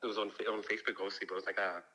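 A man's voice: fairly low pitch, little pitch movement, rapid-fire. A man from Scotland, chatting casually and in disbelief over a speakerphone. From Scotland, island in the Western Isles. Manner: disbelieving, informal. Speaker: competition winner taking a phone call. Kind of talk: casual phone chat. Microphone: phone on speaker, picked up in room. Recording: quiet speakerphone call, crowd-like background noise.

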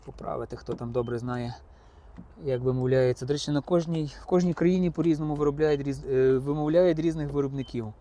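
Male car vlogger, warm mellow tone, chatty and direct with viewers, outdoor lot. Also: mid-range voice, a little fast. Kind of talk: casual on-the-spot car inspection vlog. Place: outdoor used-car market.

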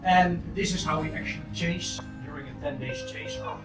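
A Dutch man, a native Dutch speaker and nature photographer, giving a conference presentation in halting English in a small meeting room. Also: fairly high pitch. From Netherlands. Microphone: far camera. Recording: echoey room from far off, loud music.

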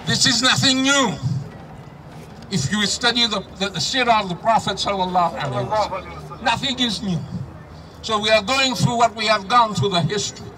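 A man's voice: high-pitched, brisk, sharp tone, far from the mic, low-quality recording. A man giving an impassioned, declamatory protest speech in a rhetorical style, as if leading a crowd. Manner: rhetorical, declamatory, leads chants. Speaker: protest speaker. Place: outdoors at a street protest. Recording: outdoor rally PA, street noise.

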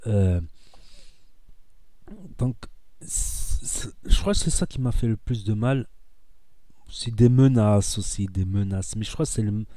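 Dark-voiced man with a southern French accent. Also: on the low side, dry recording, studio quality. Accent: southern French, Narbonne. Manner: rambling, repeats himself, heated and earnest. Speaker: social media content creator. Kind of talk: casual monologue to camera.

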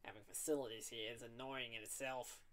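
A man voicing a large, greedy mafia thug in a visual novel game, speaking low and blunt. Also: fairly even intonation, brisk, fairly bright tone, natural voice. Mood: menacing.

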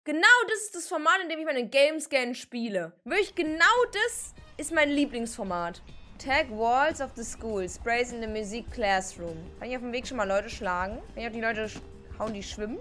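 Excitable high-voiced woman gaming streamer. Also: moderate pace, soft background music. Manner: excitable, shrieks and exclaims at the game.

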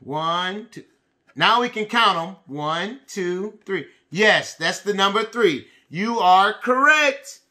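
A man with a very high-pitched, forceful bright voice gives a lesson for preschoolers. He talks to the little ones in simple, repeated phrases and questions, animated and full of encouragement. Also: slow. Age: middle-aged. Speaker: preschool and kindergarten teacher. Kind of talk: children's lesson addressed to young pupils. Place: small indoor room with bookshelves.

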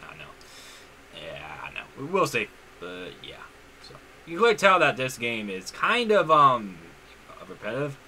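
A man's voice: medium pitch, wildly swooping pitch, moderate pace, bright, forceful tone, slight background noise, rough recording. A man giving casual let's-play commentary on his own channel, rambling, often restarting his sentences and leaning on "honestly.". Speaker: gaming YouTuber.

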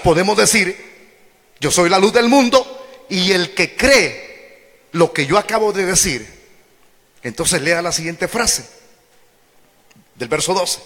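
A man preaching a sermon to his church, emphatic, swinging from shouted lines to low drawn-out words. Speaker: pastor. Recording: long hall reverb.

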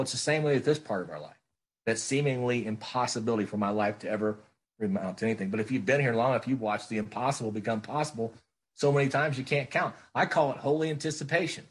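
A man's voice: medium pitch, slightly rough. A middle-aged man speaking at a recovery meeting, earnest and plainspoken, repeating phrases for emphasis.

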